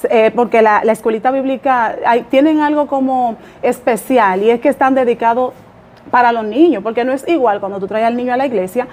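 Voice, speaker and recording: Speaking a little high and fairly quickly, a woman pastor appears as a guest on a podcast to share her life story. Her Dominican Spanish accent colors a warm, modest telling full of small laughs and fillers.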